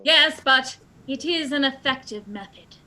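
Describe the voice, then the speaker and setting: A woman in full character voice, high and sharp yet unhurried, portrays a self-assured amateur lady detective in a comic radio play. She pompously lays out how the murder happened, sounding commanding and triumphant, with music underneath.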